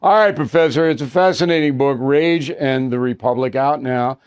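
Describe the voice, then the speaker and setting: An older man hosting an opinion news show, bluntly interviewing guests and wrapping up with brisk, wry asides. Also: mid-range voice, clean tone.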